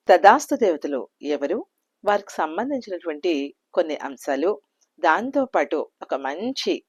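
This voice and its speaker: A woman host introducing a story episode in a measured, explanatory way. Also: low voice, darkish tone, no echo, dull audio. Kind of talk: channel introduction.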